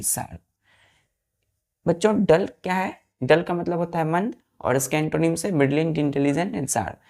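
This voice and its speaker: Her voice is deep and dark in tone. She's running a classroom-style lesson on English vocabulary for children, spelling each word letter by letter, explaining in Hindi alongside the English, and asking the kids again and again to repeat after her.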